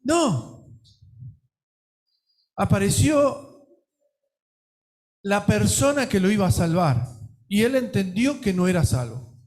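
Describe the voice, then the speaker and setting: A man with a Rioplatense Spanish accent preaches in a high voice. He tells a story and acts out the quotes, rising loud and then dropping soft. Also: expressive, takes it slowly, long pauses. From Argentina. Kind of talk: sermon.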